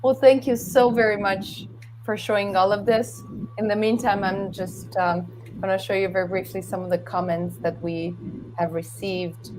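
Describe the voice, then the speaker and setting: A woman's voice: medium pitch, steady tone, normal speed, over music, rough recording. A woman moderating an online talk in a polite, appreciative manner. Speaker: host, moderator. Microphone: video call. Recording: video call with clear background noise.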